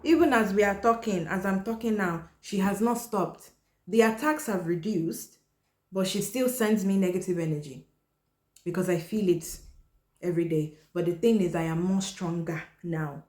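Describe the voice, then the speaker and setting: Blunt woman telling a story, lowish voice. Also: moderate pace, a little mellow. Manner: blunt, candid, drops her voice low, swears. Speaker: podcast host. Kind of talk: casual personal storytelling. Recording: roomy echo.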